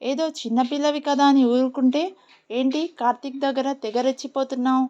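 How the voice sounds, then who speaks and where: Woman storyteller doing a jealous bossy young woman, threatening, high-ish voice, muffled lo-fi sound. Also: steady tone, moderate pace, lightly acted. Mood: angry threats. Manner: scolding, threatening. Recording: dull lo-fi recording.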